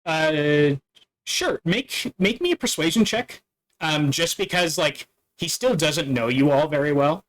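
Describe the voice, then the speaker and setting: Halting young-sounding male game master. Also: on the high side, lively intonation, poor audio. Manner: halting, many fillers and restarts. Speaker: dungeon master. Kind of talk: narrating a tabletop game.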